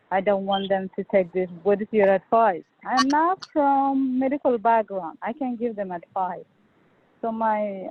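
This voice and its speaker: A woman who works at a nonprofit, speaking casually and conversationally on a video call, with um fillers. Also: medium pitch. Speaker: nonprofit worker. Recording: phone-like, faintly noisy line.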